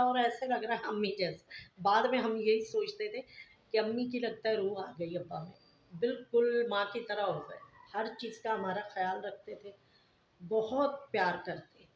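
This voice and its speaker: A woman's voice: mid-range voice, normal speed. A middle-aged woman vlogger telling a family story to her viewers in a casual, earnest, moralizing way. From Pakistan. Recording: echoey, dull lo-fi home recording.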